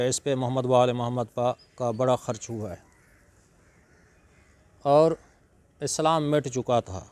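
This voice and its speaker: A man giving a religious lecture, teaching slowly and breaking into drawn-out Arabic recitation. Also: medium pitch, a little mellow. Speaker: Quran reciter and preacher.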